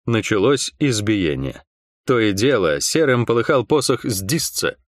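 A man reading a fantasy novel aloud as an audiobook narrator, in a measured, steady storytelling delivery. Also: lowish voice, dry recording, clean studio sound. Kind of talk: scripted narration.

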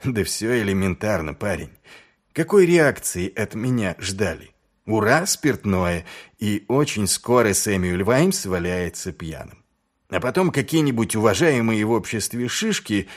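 A man's voice: big pitch swings, a little slow. A man reading as Vimes, a sardonic, weary watch commander. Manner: dry, mocking, low and subdued.

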